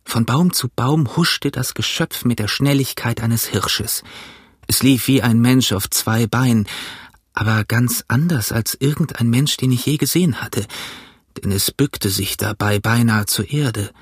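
Man, audiobook narration, measured storytelling, husky, dry recording. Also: mid-range voice, dry recording.

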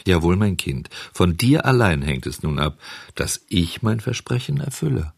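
A man's voice: sits low, big pitch swings, moderate pace, gravelly, full character voice. A man doing a stern, wise fairy. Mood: gentle warning. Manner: earnest, admonishing. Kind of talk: audiobook reading.

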